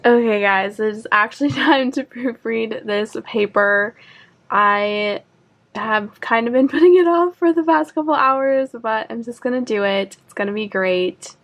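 A young adult woman, a college student, vlogs her day around campus and in her dorm on a handheld camera held close. Her voice is slightly high, a bit slow, and fairly bright, and her chat is casual and upbeat, full of "like" fillers, with soft music playing in the background.

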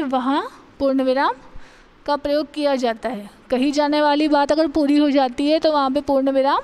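A woman teacher with an Indian accent gives a grammar lesson in a high voice. She explains step by step and reads her examples out slowly and carefully. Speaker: school teacher.

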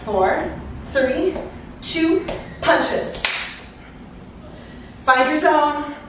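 A middle-aged woman coaching a workout as an energetic, encouraging aerobics instructor, exerting herself as she calls out cues and countdowns. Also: high voice, extremely slow. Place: living room at home, indoors. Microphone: far camera. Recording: echoey room, far microphone, faint noise.

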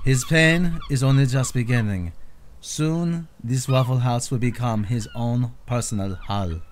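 A man narrating a mock nature documentary in a hushed, solemn manner. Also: medium pitch, a little slow, slight background noise.

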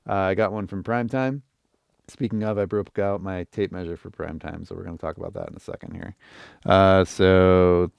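Low, clear-voiced man hosting casually. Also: dry recording, clean studio sound. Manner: informal, animated, thinking aloud. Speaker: live-stream host giving mix feedback. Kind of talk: casual live commentary, chatting to viewers.

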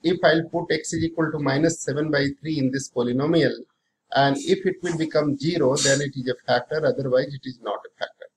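A man's voice: fairly high pitch, steady tone, brisk, noisy background. A middle-aged man with an Indian accent teaching maths, working through problems aloud, often repeating phrases and posing questions to himself.

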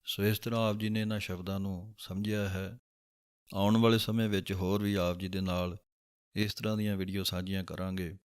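A man teaching the pronunciation of scripture, explaining calmly and reciting lines slowly. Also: low-pitched, clean tone. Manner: calm, measured, drawing out recited verses.

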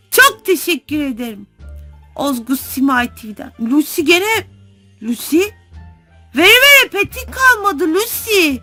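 Very high-pitched excitable woman gamer. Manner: excitable, gushing, exclamatory, talks to viewers as friends. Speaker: gaming channel host. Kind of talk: casual gameplay commentary.

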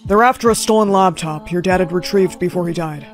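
A woman acting in short skits, playing a protective babysitter, a villain and a doctor, speaking calmly and firmly. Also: on the low side, fairly quick, lightly acted. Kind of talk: TikTok skit acting. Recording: music playing underneath.

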